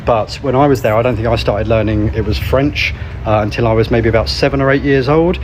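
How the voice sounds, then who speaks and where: A man's voice: medium pitch, fairly quick. A British man from the UK talking to camera as a vlogger, chatty and reflective. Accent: British English. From United Kingdom. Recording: outdoor street noise.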